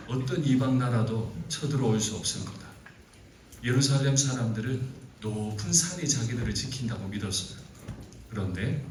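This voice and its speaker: At a youth retreat in a large church hall, a middle-aged pastor with a mid-range voice preaches, bringing his stories to life with feeling until they build into exasperated bursts. The recording catches him from a distance, echoey and with slight hiss or hum.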